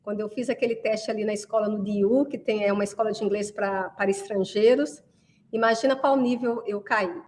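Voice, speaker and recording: A woman's voice: mid-range voice, steady tone, fairly quick, darkish tone, slight background noise. A woman from Brazil giving a chatty class to parents, often asking listeners to agree as she talks. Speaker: course creator addressing parents. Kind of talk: casual promotional class talk.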